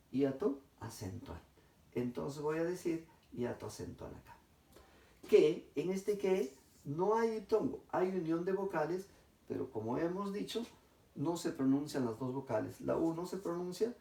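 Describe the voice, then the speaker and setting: A man teaching a grammar lesson, explaining step by step and dictating words slowly to his class. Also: a little high, creaky, mellow. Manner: methodical, addresses class, dictates slowly syllable by syllable. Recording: echoey room, distant mic.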